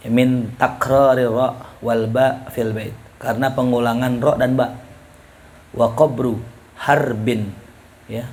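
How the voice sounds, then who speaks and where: A man teaching a class in a relaxed, joking way, reading Arabic lines and explaining them with questions to students. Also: mid-range voice, slow pace. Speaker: ustadz teaching Arabic rhetoric. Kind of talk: casual classroom lecture.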